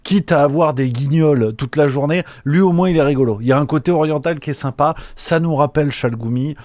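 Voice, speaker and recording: Sarcastic French host, dry sound. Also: male voice, on the high side, a little fast, a little mellow, dry recording. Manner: mocking, sarcastic, rambling with fillers. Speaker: show host. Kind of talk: satirical news commentary.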